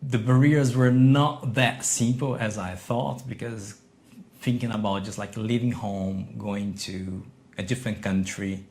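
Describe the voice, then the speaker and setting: A middle-aged man from Brazil, a podcast guest talking about his entrepreneurial past in halting, with frequent restarts. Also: fairly low pitch, vocal fry. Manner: non-native English, halting restarts, lively emphasis. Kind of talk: conversational interview.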